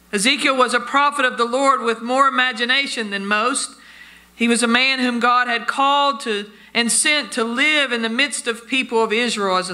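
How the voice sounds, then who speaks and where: High-voiced storytelling male preacher. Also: pushed and bright. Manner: storytelling, addresses listeners as friends. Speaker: pastor. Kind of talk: sermon.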